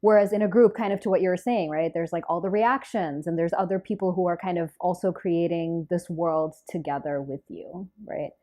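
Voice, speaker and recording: Female interviewer, mellow lower register, gently curious and encouraging. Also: fairly even intonation, fairly quick, hardly any pauses. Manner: curious, supportive, frequent affirmations. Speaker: podcast host. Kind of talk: casual interview conversation.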